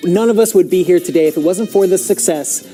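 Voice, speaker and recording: Upbeat male esports host, warm dark tone, soft music bed underneath. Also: high voice, fast. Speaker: esports broadcast host and interviewer. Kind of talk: playful game-show hosting and tournament commentary.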